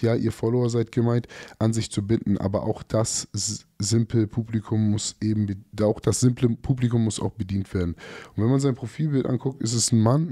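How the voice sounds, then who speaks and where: A man speaks in a blunt, scornful way as a coach answering critics in casual talk. His voice is mellow and dark, at an ordinary middle pitch. He keeps tagging his points with a quick "you know?".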